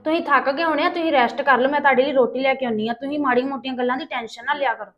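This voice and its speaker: A woman's voice: sits high, steady tone, very fast, highs cut off, soft background music, close to an everyday voice. A woman playing a young daughter-in-law who argues back at her mother-in-law. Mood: coaxing. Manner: argumentative, retorting. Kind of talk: family skit acting.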